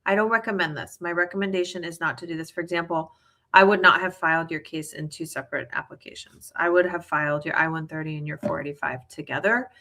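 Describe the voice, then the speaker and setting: Woman, immigration attorney, lowish pitch, bright sound, chatty and reassuring answers. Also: steady tone, fast. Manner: casual, explanatory, frequent fillers. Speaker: immigration lawyer. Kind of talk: live viewer Q&A.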